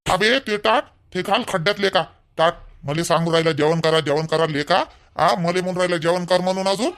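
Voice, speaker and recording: A man playing an angry young son-in-law who demands money, shouting and rough. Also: sits high, brisk. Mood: scolding.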